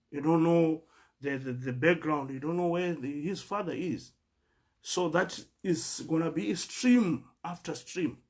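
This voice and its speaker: Zimbabwean man, earnest talk citing scripture, halting delivery, repeated words, raised pitch. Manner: halting, repeats words while searching for the next. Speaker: speaker addressing fellow migrants.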